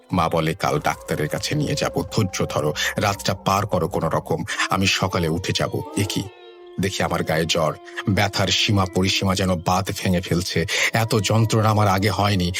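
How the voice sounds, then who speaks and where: A man narrates a horror story in the first person, measured and somber. His voice sits very low. Soft music plays faintly under the reading.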